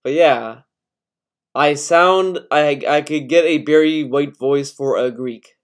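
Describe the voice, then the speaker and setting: In a casual vlog rant, an American YouTuber from Connecticut rambles, swears and gets defensive. He speaks on the high side and takes his time.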